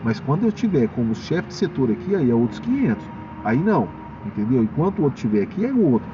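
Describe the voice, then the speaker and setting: A young Brazilian man giving a personal testimony at church, telling his story in an animated way and acting out the dialogue. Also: mid-range voice, fast talker. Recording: distant mic, dull sound, faint noise.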